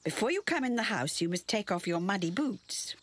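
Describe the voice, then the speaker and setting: A woman's voice: medium pitch, very animated, a little fast, fairly bright tone. A woman voicing a fussy, doting old grandmother pig in a children's cartoon, with a motherly sing-song way of talking.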